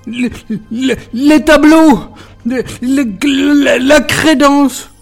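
Man voicing a stammering baron, panicked, very high and loud, slow, storybook reading. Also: very animated, breathy edge, soft background music, exaggerated voice. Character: panicked wealthy middle-aged male baron.

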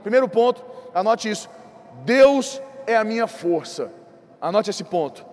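A man preaching a sermon as a bishop, with a Brazilian accent and an impassioned, repetitive style that rushes ahead and then slows for emphasis. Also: high-pitched, expressive, darkish tone. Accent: Brazilian Portuguese. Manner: impassioned, repetitive preaching with quick bursts and slow emphatic drops. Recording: church hall with long reverb.

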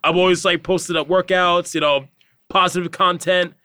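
A man's voice: sits high, flat delivery, normal speed, pushed and bright, clear, resonant tone, dry recording, clean studio sound. A young man in his twenties, a podcast guest in casual chat, earnest and upbeat with many fillers.

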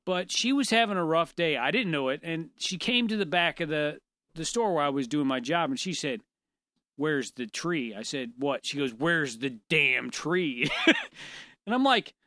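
A man co-hosting a casual chat, telling stories in an animated, self-deprecating way with frequent laughter. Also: a little high, moderate pace, no room sound, clean studio sound. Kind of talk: casual conversational storytelling.

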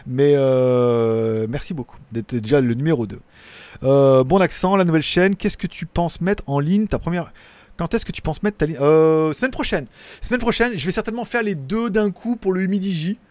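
Chatty tech host with a higher voice. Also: male voice, normal speed, a little mellow, no room sound. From Lyon, France. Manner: rambling, chatty, with crude slang and many fillers. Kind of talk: casual live stream, reading viewer chat.

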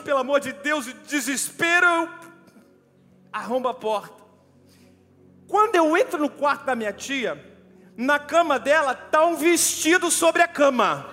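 A man preaching a sermon, telling a personal story in an animated way and calling his listeners brother. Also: very high-pitched, moderate pace, long pauses. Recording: long hall reverb with faint music.

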